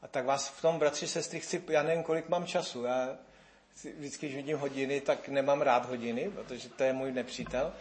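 A man, preaching a sermon and acting out the voices of the people he quotes. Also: medium pitch. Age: 50s. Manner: animated, rises and falls in loudness, acts out quoted voices.

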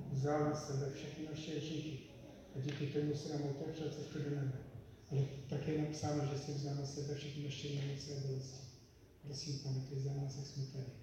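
Czech-speaking preacher in a reverberant hall. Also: male voice, mid-range voice, far from the mic. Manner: earnest, pleading prayer with soft hushed passages. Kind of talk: sermon and prayer. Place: church hall. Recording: echoey hall, miked from afar, background noise.

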